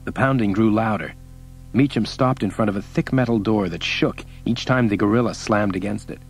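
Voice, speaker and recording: A man reads an audiobook as its narrator, in a steady and measured way. His voice sits fairly low. Faint music plays under his reading. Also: rough recording. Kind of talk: scripted narration.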